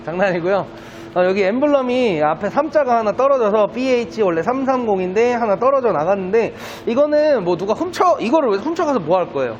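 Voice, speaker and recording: A man speaking as a used car dealer, giving a polite, persuasive sales pitch in a walkaround of a car. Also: expressive, brisk. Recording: dull lo-fi sound, faint background noise.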